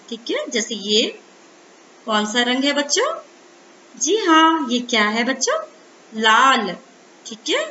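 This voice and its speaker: Female teacher for a primary school Hindi lesson, bright, lively sing-song delivery, echoey room, dull lo-fi sound with faint hiss. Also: on the high side. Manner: slow, sing-song sounding out of letters to children.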